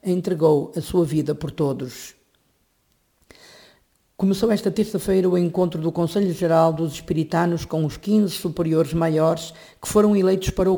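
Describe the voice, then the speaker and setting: Man reading a calm radio commentary. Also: a little high, vocal fry. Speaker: priest commentator.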